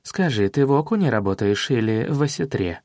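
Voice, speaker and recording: Man voicing a low, teasing young woman detective. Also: lively intonation, a little fast, darkish tone, no echo, clean studio sound, close to an everyday voice. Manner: teasing, bossy. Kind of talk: audiobook character voice.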